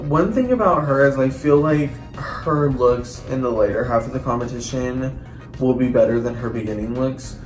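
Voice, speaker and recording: A man's voice: mid-range voice, moderate pace, soft background music. A man talking to camera as a drag contestant, earnest and a little nervous. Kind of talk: confessional to camera. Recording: echoey room.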